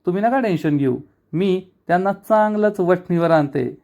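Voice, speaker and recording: A man voicing a calm, persuasive young married woman from a TV serial, speaking earnestly as he retells the scene. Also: high voice, moderate pace, muffled recording, voice pushed up. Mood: coaxing.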